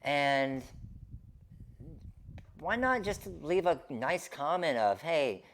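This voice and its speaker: A man's voice: a little high, big pitch swings, takes it slowly, a bit bright, a little hiss or hum. A man hosting a craft live stream, chatting casually and informally with his viewers.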